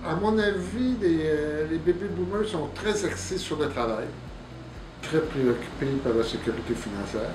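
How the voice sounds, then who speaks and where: A man's voice: a little high, normal speed, music in the background. Older Québécois man, roomy and distant. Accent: Québécois French. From Canada. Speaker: employee interviewee. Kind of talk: casual interview answers. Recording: roomy, distant mic, background noise.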